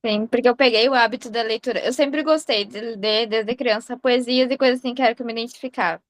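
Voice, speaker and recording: Brief: higher-voiced woman, earnest and enthusiastic, dry close sound. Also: fairly even intonation, quick pace, dry recording. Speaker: book club member. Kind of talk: casual group chat.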